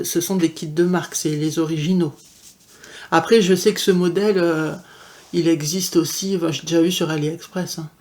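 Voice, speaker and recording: Chatty, halting woman with a lowish voice. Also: darkish tone. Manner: chatty, halting, many fillers and restarts. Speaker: cross-stitch vlogger. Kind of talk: casual show-and-tell chat.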